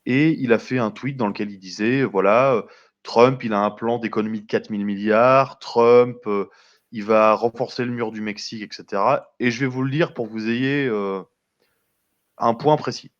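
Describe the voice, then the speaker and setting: A man's voice: mid-range voice, steady tone, moderate pace. Man explaining politics, slightly muffled. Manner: explanatory, conversational, frequent hesitations. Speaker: commentator. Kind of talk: political news commentary.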